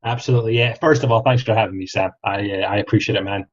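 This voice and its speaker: A young man with a Scottish accent, talking as a podcast guest in a friendly, thoughtful way, often pausing to find his words. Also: fairly low pitch, steady tone. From Scotland. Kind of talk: casual interview talk. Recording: slightly dull lo-fi audio.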